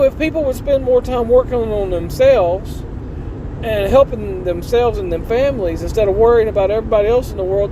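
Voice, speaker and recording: A man giving a casual, earnest, preachy vlog monologue in a folksy, colloquial way. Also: high-pitched. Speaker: channel host. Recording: clear vehicle and outdoor noise.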